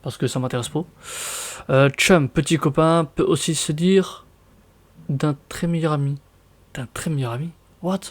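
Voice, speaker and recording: Chatty young French man, fairly high voice. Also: moderate pace, pauses often. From France. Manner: chatty, reads words aloud then reacts with surprise. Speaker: vlogger. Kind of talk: casual reaction vlog.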